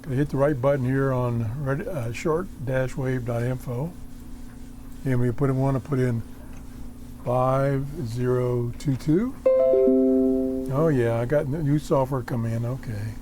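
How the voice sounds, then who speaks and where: Slow, halting man tuning in a radio. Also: mid-range voice, fairly even intonation, mellow, soft background music. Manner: halting, muttering to himself with folksy exclamations. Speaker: radio hobbyist demonstrating a shortwave receiver. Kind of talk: casual off-the-cuff commentary while tuning a radio. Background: shortwave radio being tuned in.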